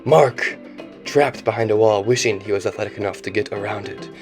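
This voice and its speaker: A man's voice: on the low side, brisk. A young man co-narrating a parody nature documentary in a grandiose, mock-serious manner. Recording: music playing underneath.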